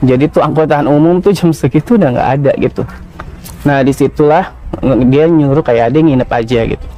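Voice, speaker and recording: Man, 30s, podcast guest, warm mellow tone, casual confessional storytelling. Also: fairly high pitch, a little fast, lo-fi sound, a little hiss or hum. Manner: casual slangy confessional, many fillers. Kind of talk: personal storytelling.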